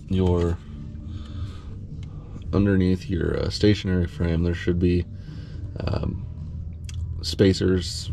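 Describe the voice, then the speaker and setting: Deep gravelly-voiced man, slow and subdued. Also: mellow, a little hiss or hum. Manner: subdued, low-energy, thinking aloud. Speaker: pinsetter mechanic. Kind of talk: casual how-to tutorial. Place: bowling alley machine pit.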